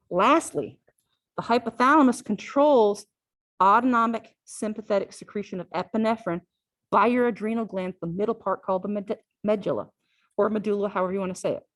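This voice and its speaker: A woman's voice: mid-range voice, no room sound, low-quality recording. A woman teaching a physiology class, talking conversationally and often checking in with "all right?". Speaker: physiology lecturer. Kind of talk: classroom lecture.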